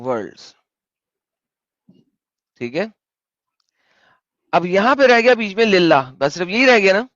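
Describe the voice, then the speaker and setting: A man's voice: sits high, big pitch swings, a bit bright, dry recording, highs cut off. Pressing man hosting a debate. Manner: pressing, questioning, spells points out slowly. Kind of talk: argumentative online debate.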